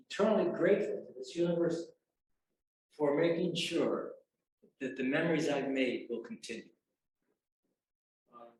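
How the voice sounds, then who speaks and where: A man in his seventies, an alumnus and photographer, gives a chatty, self-deprecating speech to an audience at a university event. His voice is a little high and slightly mellow, picked up by a distant mic in a very echoey hall with a touch of background noise.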